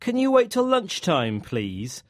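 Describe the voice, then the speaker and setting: A man hosts a scripted English lesson, mock-stern as he patiently explains phrases. His pitch moves in a lively way, and the studio sound is dry and close. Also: slow, no room sound. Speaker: host. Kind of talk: scripted language-lesson banter.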